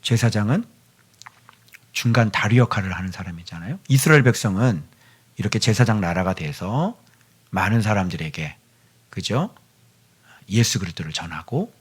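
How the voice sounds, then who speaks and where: A man's voice: fairly low pitch, fairly bright tone, breathy edge. A male pastor preaching a sermon in a church, chatting with the children by name and sometimes dropping to a near-whisper. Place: church sanctuary.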